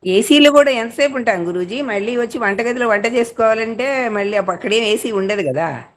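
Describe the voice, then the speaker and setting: A woman's voice: fairly high pitch, fairly quick. A woman in a teaching discussion, earnestly putting practical objections to her teacher. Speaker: student in discussion. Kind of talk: casual discussion.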